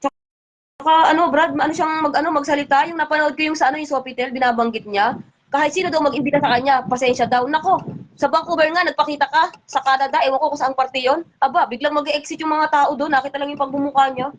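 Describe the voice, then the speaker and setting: A woman's voice: high voice, steady tone, highs cut off, slight background noise. A woman hosting a casual livestream chat, talking in an indignant, scolding way. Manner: indignant, scolding, talks fast. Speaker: livestream host.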